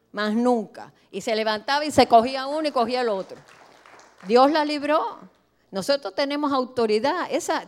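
A middle-aged woman pastor preaching a sermon in a church, emphatic, moving between soft asides and loud declarations. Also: sits high.

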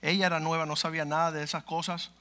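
A man's voice: a little high, little pitch movement, fast, bright, forceful tone. A male pastor telling a testimony in a sermon, acting out the dialogue as he goes. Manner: vivid storyteller acting out dialogue.

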